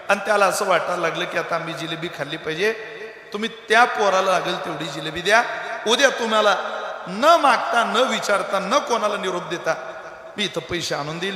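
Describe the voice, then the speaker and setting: A man's voice: high-pitched, sharp tone. A man voicing a poor village mother who humbly pleads for her son, in a sermon story. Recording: echoey hall.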